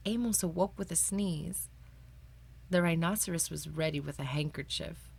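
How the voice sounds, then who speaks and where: A woman hosting a children's read-aloud, narrating a picture book in a calm, clear, measured way. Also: sits low. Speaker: storyteller and channel host.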